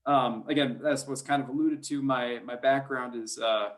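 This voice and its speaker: A man with a mid-range voice speaks at a moderate pace in a steady tone. He's a sports announcer appearing as a guest, chatting casually in a hesitant, rambling, good-humored way.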